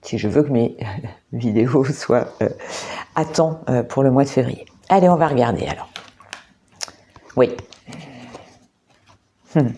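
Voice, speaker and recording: Speaking in a very deep voice, this woman reads tarot and oracle cards for a monthly astrology forecast inside a room lit artificially. She talks gently and unhurriedly, hesitating with repetitions, fillers and long pauses.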